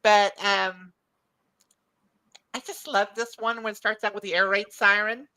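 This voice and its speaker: With a medium-pitched, steady, sharp yet smooth voice, a middle-aged woman speaks at a measured pace as an enthusiastic podcast panelist. She is losing her voice and frequently repeats or restarts words during the casual chat.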